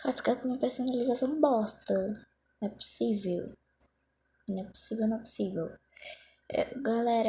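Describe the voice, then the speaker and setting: A young woman vlogging casually, flustered and hurried as she races a timer. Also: a little high, warm tone, a little hiss or hum. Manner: flustered, hurried, self-mocking. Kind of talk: casual self-talk during a timed phone challenge.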